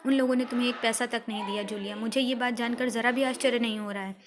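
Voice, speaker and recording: A woman reading the part of a stern middle-aged householder who scolds and lectures his governess, in a steady, even reading voice. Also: on the high side, quick pace, a crowd in the background, close to an everyday voice.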